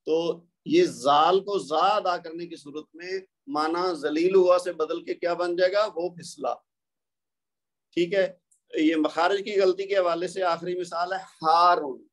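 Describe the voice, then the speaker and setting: A man with a Pakistani Urdu accent giving a recorded tajweed lecture, patiently explaining word pairs and slowing down to contrast them. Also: high-pitched, fairly even intonation. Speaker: Quran recitation teacher.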